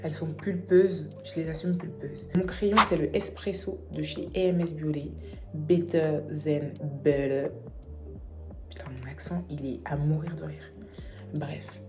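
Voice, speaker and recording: A young woman chatting casually through a makeup tutorial, playful and self-mocking with quick asides. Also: low-pitched, fairly even intonation, over music. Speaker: beauty vlogger.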